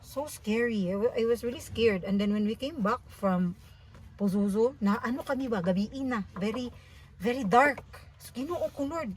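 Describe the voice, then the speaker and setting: A woman in her thirties with a Filipino accent, vlogging as she tells an animated story on her travels. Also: a little high, moderate pace. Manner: animated storytelling mixing languages. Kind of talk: casual vlog chat.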